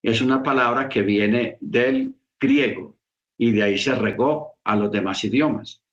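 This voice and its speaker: Slow, emphatic man preaching. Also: mid-range voice, echoey room, dull audio. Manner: slow, repetitive, emphatic explaining. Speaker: teacher of a messianic congregation. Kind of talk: sermon teaching.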